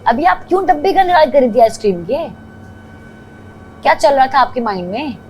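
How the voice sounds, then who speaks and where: A woman's voice: high voice, expressive, moderate pace, warm tone, slight background noise, poor audio. A woman, a reality show contestant, complaining heatedly in casual talk and mixing in English words. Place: reality show house, indoors.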